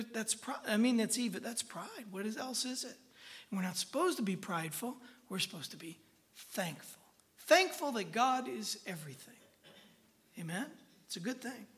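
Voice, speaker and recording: A preacher at a moderate, middling pitch delivers a Bible lesson in an informal, folksy manner. The talk is conversational rather than grand, full of check-ins that seek the listeners' agreement. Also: bright, forceful tone. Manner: informal, folksy, often asks the listeners for assent. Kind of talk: conversational Bible-teaching sermon.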